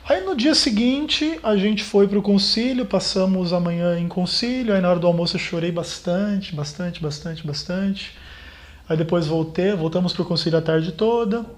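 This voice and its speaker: Halting man, somewhat high voice. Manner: halting, repeats words while reliving a painful moment. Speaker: pastor speaking as a therapy client. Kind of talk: personal account in a therapy session.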